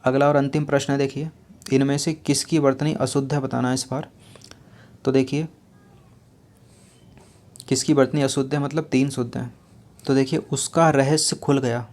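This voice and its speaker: Flat-toned man teaching a spelling lesson. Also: medium pitch, moderate pace, pauses often. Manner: explains patiently, repeats each answer and asks rhetorical questions. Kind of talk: exam-prep lesson going through spelling questions.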